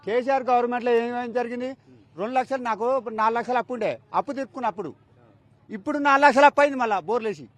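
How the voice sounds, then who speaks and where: Angry high-voiced farmer man. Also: very fast, no room sound. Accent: Telangana Telugu. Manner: angry and defiant. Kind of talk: roadside news interview. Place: outdoors by a canal.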